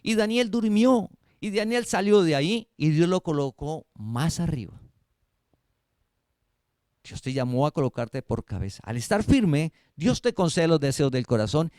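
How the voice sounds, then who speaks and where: A man's voice: a little high, animated, a little slow, dry recording, studio quality. A man preaching a sermon, asking the congregation questions and answering them himself. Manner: preaching with rhetorical questions, swings between loud and soft. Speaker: pastor. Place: church service streamed online.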